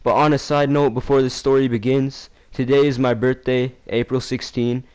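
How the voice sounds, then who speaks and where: A man's voice: flat delivery, normal speed, clean tone. A young man in a casual vlog telling a story in slangy, profane, rambling talk. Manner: acts out quoted lines in a louder, higher voice. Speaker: vlogger.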